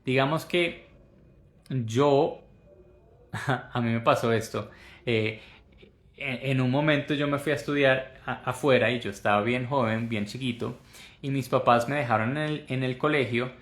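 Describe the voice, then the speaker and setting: A man from Colombia teaching English in Spanish, slowly modeling English phrases and repeating them for learners. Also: medium pitch, fairly bright tone, reverberant. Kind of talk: Spanish-language English lesson.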